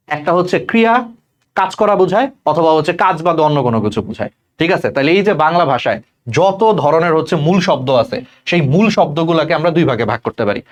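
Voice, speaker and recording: Young man, online tutor, rapid delivery, friendly chatty checks, higher-pitched voice. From Bangladesh. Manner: fast, chatty, addresses students as "bhai", many checks like "thik ache?". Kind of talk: online exam-prep lecture.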